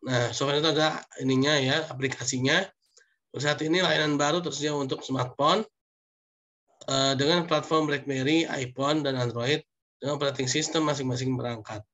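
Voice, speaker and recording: A man's voice: medium pitch, steady tone, normal speed, a bit bright. A man lecturing online, reading through slide points with frequent "ya" and "nah" asides.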